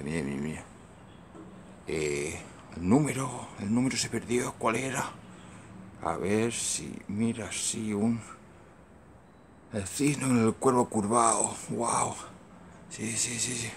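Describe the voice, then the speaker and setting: A man with a Catalan accent, recorded on a phone outdoors, talking to himself in a gravelly, creaky voice. He keeps repeating himself, mutters under his breath and often sinks into whispers. Faint noise sits under the recording. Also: lowish voice, takes it slowly, pauses often, a bit bright. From Maresme, Catalonia. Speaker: amateur filmer. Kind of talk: casual commentary while filming. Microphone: phone camera.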